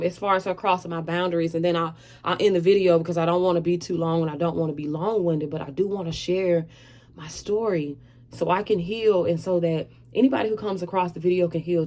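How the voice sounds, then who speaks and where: This is a woman in her thirties with a somewhat low-pitched voice, sharing a personal testimony in a vlog. She talks frankly and earnestly, often hesitating with fillers as she works through her memories. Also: a little mellow. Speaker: vlogger sharing her story. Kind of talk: candid personal testimony to camera.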